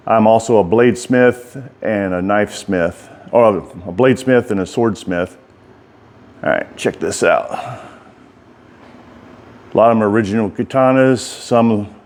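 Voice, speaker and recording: A middle-aged man with an American accent and a fairly low voice. He speaks out of one side of his mouth in a loose, folksy way. His delivery is that of an informal vlogger rambling as he shows people around. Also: a little mellow. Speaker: writer and bladesmith giving a workshop tour. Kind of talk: casual walk-through vlog.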